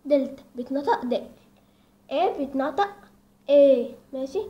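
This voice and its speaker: A woman with an Egyptian accent gives an informal lesson, hesitating often and filling pauses while she speaks to viewers as friends. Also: sits high, lively intonation. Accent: Egyptian Arabic. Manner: hesitant, with many fillers, addresses viewers as friends. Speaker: church lesson presenter. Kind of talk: informal teaching. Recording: dull lo-fi recording.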